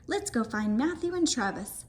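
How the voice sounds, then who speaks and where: A woman voicing an excitable young male frog in a storybook reading, talking in eager exclamations. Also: fairly high pitch, normal speed, lightly acted. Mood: excited.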